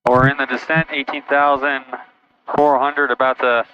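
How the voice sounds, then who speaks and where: A man talking as a pilot, casually narrating a flight in a halting, matter-of-fact way. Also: medium pitch, flat delivery, sharp tone. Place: small airplane cockpit in flight. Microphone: aviation headset. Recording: dull, noisy aircraft cockpit intercom. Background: engine noise, radio.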